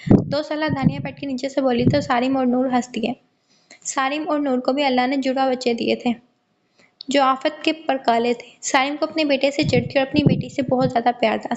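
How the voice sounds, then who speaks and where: A woman narrating an audio novel in a steady storytelling manner, voicing every character. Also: high voice, highs cut off, a little hiss or hum. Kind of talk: scripted narration.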